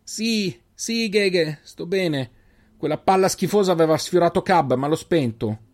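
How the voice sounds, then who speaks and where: A man voicing a young girl traveling with her companions, quick and reassuring. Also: a little high, pitched above the performer's own voice, natural voice. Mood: flustered.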